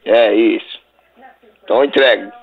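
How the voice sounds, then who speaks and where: Gruff man over a landline phone. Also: lowish voice, normal speed. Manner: gruff, increasingly angry, cursing. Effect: heard over a landline phone. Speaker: prank call target. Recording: tinny noisy phone line.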